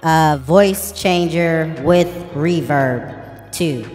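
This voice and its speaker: A man's voice: fairly high pitch, drawn-out words, darkish tone, pitched above the performer's own voice. A man testing a female voice changer filter in a casual, offhand gear demo. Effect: female voice changer filter on a man's voice. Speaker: gear reviewer demoing a mixer. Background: faint music.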